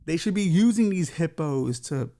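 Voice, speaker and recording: On his comedy podcast, a man reads news stories aloud, stumbling over them and riffing with crude, mocking humor and free swearing. His voice is warm, animated, and on the high side, at a normal speed.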